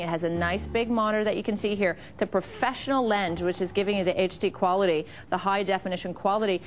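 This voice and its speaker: A woman hosting a home shopping segment, pitching products live with gushing enthusiasm. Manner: enthusiastic, gushing over features. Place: TV shopping studio. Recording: noticeable background noise.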